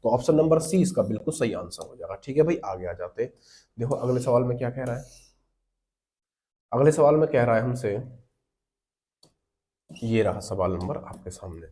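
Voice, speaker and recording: A man's voice: mid-range voice, mellow. A man teaching an exam-prep lesson, explaining step by step and answering his own questions, often calling the listeners brother.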